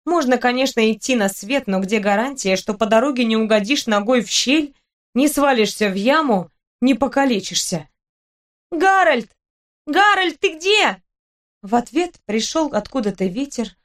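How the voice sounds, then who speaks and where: A woman reading a first-person story aloud as audiobook narration, with expressive, lively delivery. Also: fairly high pitch.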